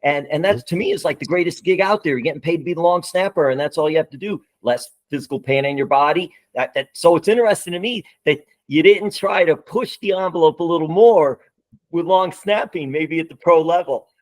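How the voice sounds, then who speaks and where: Male host, high voice, dry close sound, chatty and eager. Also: a little fast, no echo. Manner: enthusiastic, chatty. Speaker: interview host. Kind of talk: casual interview chat. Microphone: video call.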